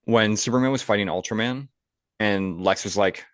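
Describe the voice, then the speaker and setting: Man, podcast co-host, casual movie chat, low voice, dry close sound. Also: moderate pace, no echo. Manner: enthusiastic, rambling, filler-heavy. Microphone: podcast microphone.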